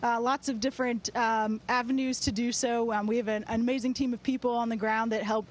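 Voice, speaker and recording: A woman answering interview questions as an astronaut in a measured, explanatory way. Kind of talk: interview answers over a space-to-ground link. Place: aboard a space station. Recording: steady rumbling background noise on link.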